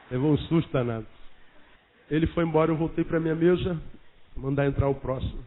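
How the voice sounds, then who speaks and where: A man's voice: on the high side, moderate pace, long pauses. Man preaching over phone-like audio. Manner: dramatic storytelling, swings from loud to hushed. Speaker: pastor. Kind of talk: sermon. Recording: phone-like sound with faint music.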